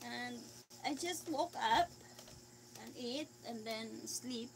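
A woman's voice: on the high side, takes it slowly, vocal fry, a little hiss or hum. A woman chatting casually with viewers on a live stream. She reads their comments aloud, answers in simple phrases and laughs easily.

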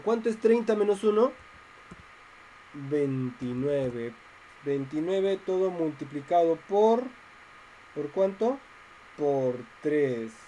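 A man's voice: fairly high pitch, dark tone, slight background noise, poor audio. A man teaching a math class online, explaining step by step and asking his students questions.

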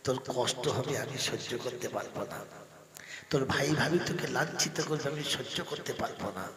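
A male preacher voicing an ageing mother who speaks softly and reassuringly, over an echoey loudspeaker with a crowd behind. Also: medium pitch, a little fast, close to an everyday voice. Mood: tender. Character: ageing mother, tender and worried.

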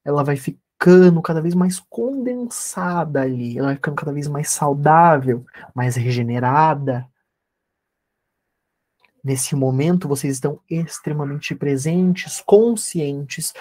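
A man, a therapist teaching an online workshop and leading a guided meditation with calm, repetitive instructions over a video call. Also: medium pitch.

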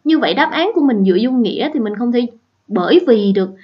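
A woman's voice: a little high, expressive, quick pace, breathy edge, dull audio. Southern Vietnamese woman teaching English. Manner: patient step-by-step explaining with check-in questions. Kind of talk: exam prep lesson.

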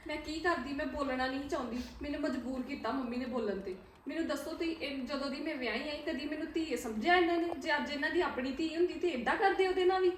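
A woman's voice: high-pitched, quick pace, few pauses, recorded from a distance, lightly acted. A woman playing a young, put-upon daughter-in-law who pleads and defends herself in a family drama. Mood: pleading. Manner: pleading and hurt. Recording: roomy sound with faint noise.

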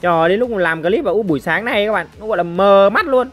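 A woman giving lively gameplay commentary as a mobile game streamer, chatting to viewers and making shooting sound effects. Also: medium pitch, brisk, faint music behind.

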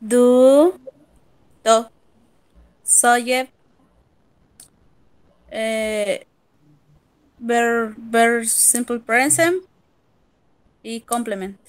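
A woman's voice: on the high side, dry recording. A woman student whose first language is Spanish, answering a teacher's questions hesitantly. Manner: hesitant, halting. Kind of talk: answering in class.

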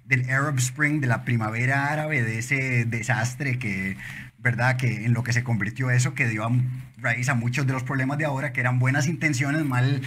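Costa rican guy in his 40s, bright forceful voice, talks fast and impulsive, keeps restarting, interview guest in an office lounge. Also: mid-range voice, slight background noise. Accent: Costa Rican Spanish. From Costa Rica. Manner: impulsive, animated storytelling with frequent restarts. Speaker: guest entrepreneur. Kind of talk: casual interview chat. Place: office lounge studio, indoors.

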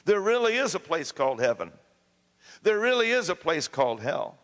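A pastor preaching a sermon to his congregation, swinging from hushed storytelling to rising climactic exhortation. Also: sits high, sing-song, moderate pace. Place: church sanctuary. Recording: long church reverb.

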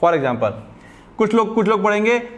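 A young male teacher with a fairly high voice, lecturing at an easy pace. He reads out textbook lines slowly and then explains them again in simpler words. He keeps checking in with his students to see whether the point is clear. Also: sing-song. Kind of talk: classroom lecture.

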